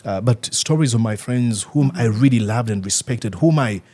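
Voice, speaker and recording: A young man from Uganda, an author answering interview questions in an earnest, halting way with many fillers and restarts. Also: mid-range voice, warm tone.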